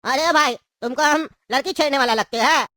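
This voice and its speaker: A woman voicing a sharp-tongued old man in a jail cell who scolds and needles the others. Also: high voice, a little fast, dry recording, clean studio sound. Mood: needling. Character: old male cellmate, sharp-tongued uncle. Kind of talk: cartoon voice acting.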